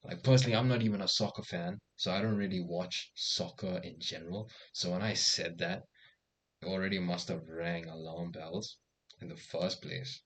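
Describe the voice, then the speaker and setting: A young man telling a casual anecdote, animated, acting out the voices of the people in it and swearing freely. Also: deep voice, normal speed. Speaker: storyteller.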